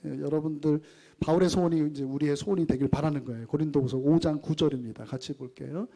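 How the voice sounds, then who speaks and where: A male pastor preaching a sermon, asking the congregation questions and leading them through scripture readings, moving between raised and quiet phrases. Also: a little high, fast talker, vocal fry.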